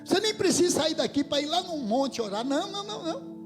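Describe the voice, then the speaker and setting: High-voiced fervent Brazilian preacher. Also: male voice, very animated, quick pace, music in the background. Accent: Brazilian Portuguese. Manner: fervent, swells to shouts and drops to near whispers. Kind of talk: sermon. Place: church hall. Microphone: handheld microphone.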